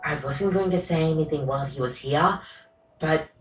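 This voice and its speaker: A woman's voice: low-pitched, moderate pace, roomy sound, recorded from a distance, slight background noise, lightly acted, poor audio. A woman voicing a rambling, coffee-obsessed female coffee machine barista in a video game, often apologizing and correcting herself.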